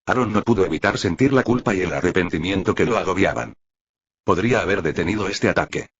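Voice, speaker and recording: Guy narrating a story, deep husky voice, kinda dull lofi sound. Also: quick pace. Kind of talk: audiobook narration.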